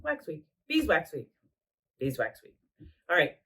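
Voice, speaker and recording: Showing her crafts at home, this congested, under-the-weather vlogger rambles casually and keeps correcting herself. Her voice is nasal, low-pitched and husky yet fairly bright in tone, with huge pitch swings and an unhurried pace. It's a relaxed show-and-tell vlog.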